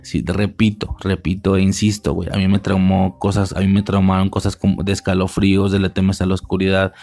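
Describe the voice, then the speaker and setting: A man's voice: low-pitched, warm tone. A young man with a Mexican accent giving a casual, rambling spoken film commentary, full of slang and filler words. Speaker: podcast host reviewing a film.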